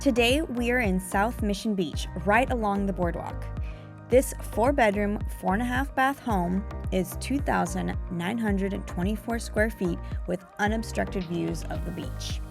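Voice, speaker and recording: Female real estate agent, home-tour presenter, gushing sales delivery, mid-pitched voice, music underneath. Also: unhurried, vocal fry. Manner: gushing, admiring sales talk. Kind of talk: presenter-style property tour.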